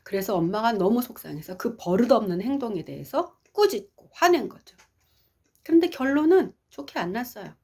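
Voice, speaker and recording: Husky-voiced woman giving an expressive parenting lecture. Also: a little high, moderate pace. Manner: expressive storytelling, asks the audience questions.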